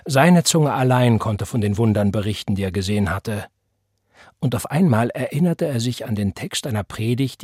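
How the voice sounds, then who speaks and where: A man giving measured, solemn audiobook narration into a close mic. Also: lowish voice, darkish tone, breathy edge, dry recording.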